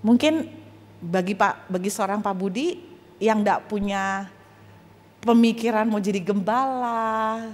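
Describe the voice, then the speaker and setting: A woman guest preacher telling a personal testimony in a sermon, animated and humorous, with casual colloquial asides. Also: mid-range voice, slow pace, pauses often. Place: church auditorium. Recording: long church hall reverb.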